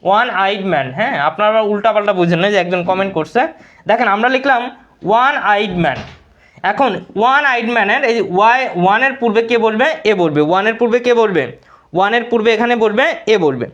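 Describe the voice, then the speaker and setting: A man's voice: high voice, fast, fairly bright tone, dull audio. A man with a Bangladeshi Bengali accent teaching English grammar in a live online class, repeating words and answering his own questions.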